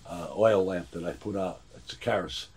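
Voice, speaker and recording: A man in his sixties with a husky voice, chatting casually in a gruff, wry, halting way. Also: low voice, fairly even intonation, a little mellow. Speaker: boat builder and owner being interviewed. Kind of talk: casual chat. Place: small wooden sailboat cabin.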